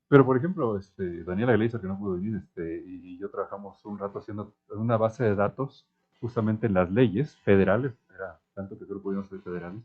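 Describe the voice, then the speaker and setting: A man's voice: lowish voice, normal speed. A man on an academic panel, talking wryly and with sarcasm as a self-described cynic. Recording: thin phone-like sound.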